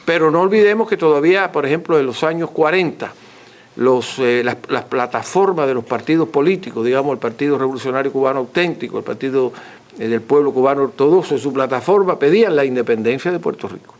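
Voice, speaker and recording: A man's voice: mid-range voice, quick pace. A man gives an extempore scholarly talk as a lecturer, teaching courteously and repeating points for emphasis. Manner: didactic, emphatic repetition, courteous. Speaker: author and lecturer answering audience questions.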